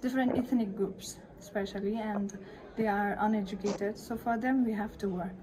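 A woman's voice: medium pitch, steady tone, moderate pace, noisy background. A young woman from Nepal with a Nepali accent, answering interview questions hesitantly and searching for words. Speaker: social institute director.

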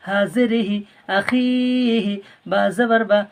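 A man teaching Quran reading, spelling out syllables slowly and repeating each word, then explaining the rules more quickly. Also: extremely high pitch, fairly even intonation. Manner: explains rules quickly and softly between drills. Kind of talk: slow drilled recitation lesson, spelling out syllables.

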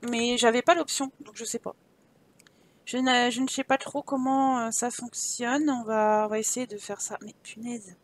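Woman, gaming host, high voice, casual gameplay commentary, chatty, joking, thinking aloud. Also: fairly even intonation, normal speed.

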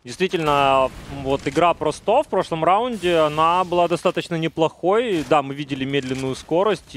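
A male esports caster with a slightly high voice gives live commentary on a shooter match. He is excitable, and his calls climb when the play heats up. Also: noisy background.

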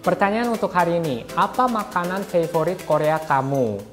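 A man's voice: on the high side, animated, normal speed, soft background music. A man teaching a video language lesson, playful and repeating each sound several times so learners can follow.

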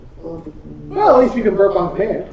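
A talkative man with a high voice jokes around and explains game mechanics during a let's-play. He sits back from the mic in an echoey room, with a faint hiss under him. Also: wildly swooping pitch, unhurried, vocal fry, darkish tone, far from the mic. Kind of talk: casual gaming commentary.

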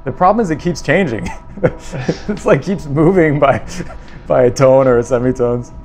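A man hosting a music livestream from his home studio in a relaxed chat, reading viewer comments aloud on a talk mic. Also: medium pitch, unhurried. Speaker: livestream host and pianist. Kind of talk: casual chat.

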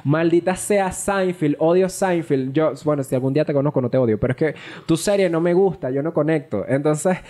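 A young man talks through a personal story on a podcast. He is lively and cusses freely, and he acts out bits of old arguments as he goes. His voice sits a little high but has a warm, mellow tone. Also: fast. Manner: animated, profane, acts out quoted dialogue. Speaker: podcast co-host.

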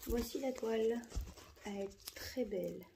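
Woman, unhurried, hesitant, soft-spoken, casual unboxing commentary, light background hiss, crinkling packaging. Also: on the high side, gravelly. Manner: halting, many fillers and repeats, soft-spoken. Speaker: vlogger.

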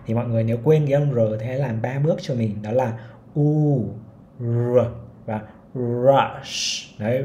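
A young man from Vietnam teaching English pronunciation, patiently repeating each sound and modeling words slowly. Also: medium pitch, dark tone, roomy sound, slight background noise. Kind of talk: pronunciation lesson with slow modeled examples.

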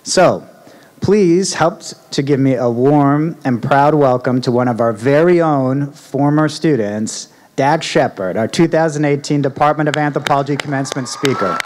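A man in his forties, a department chair, giving a formal introduction at an outdoor podium mic with halting fillers. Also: mid-range voice, a little mellow. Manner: halting, with fillers and restarts, reading a list. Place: outdoor university ceremony stage. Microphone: podium mic on stand.

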